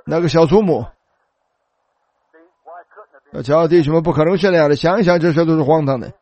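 A man's voice: a little high, brisk, dull audio. A man preaching a sermon, telling the story animatedly and calling out hallelujah.

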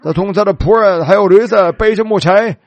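A man preaching a sermon, telling a story dramatically and slowing down for emphasis. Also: high-pitched, darkish tone, dry recording, dull audio.

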